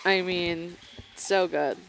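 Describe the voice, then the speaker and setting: A woman's voice: lowish voice, gravelly, slight background noise, low-quality recording. Chatty woman commentating pickleball. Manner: chatty, excitable, quick to laugh. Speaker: color commentator. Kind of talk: live sports commentary. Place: indoor pickleball gym.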